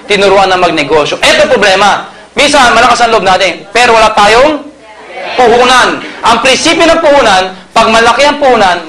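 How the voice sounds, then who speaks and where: A man's voice: high voice, bright, forceful tone. A man from the Philippines giving a joking sales seminar to a live audience, telling stories and quizzing the crowd. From Pangasinan, Philippines. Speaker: marketing presenter. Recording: noisy hall with a reacting crowd.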